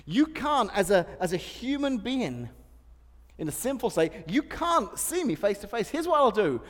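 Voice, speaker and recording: A man voicing God as a stern holy deity, speaking earnestly and halting with repeated words, in a long-echoing hall. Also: sits high, very animated, pitched above the performer's own voice. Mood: solemn.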